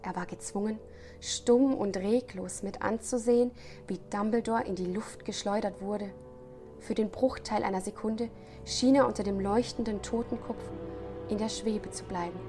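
A woman's voice: medium pitch, steady tone, normal speed. A woman reading a novel passage aloud in dramatic, tense scripted narration. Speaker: guest reader. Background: faint music.

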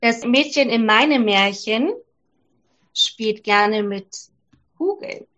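A woman reading a fairy tale aloud to children, gently and clearly. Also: a little high, expressive, takes it slowly, dull audio. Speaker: storyteller for children.

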